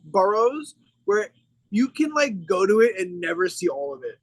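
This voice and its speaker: A young man with a notably high voice, talking brashly and swearing at every turn as he rambles through a casual podcast chat. The sound is dry and close, with little room around it. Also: very animated, normal speed, dry recording, poor audio. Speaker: podcast co-host. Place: outdoors.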